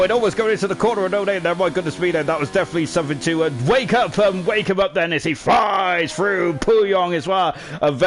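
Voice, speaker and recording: Male streamer, slightly high voice, chatty self-mocking race commentary packed with fillers. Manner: rambling, self-deprecating, lots of fillers. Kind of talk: live sim racing stream commentary.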